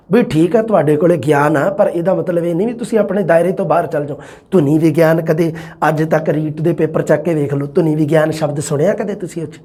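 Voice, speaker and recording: A man's voice: a little high, warm tone. A male teacher with a Punjabi accent giving an exam-prep lecture, asking rhetorical questions and acting out his students' answers.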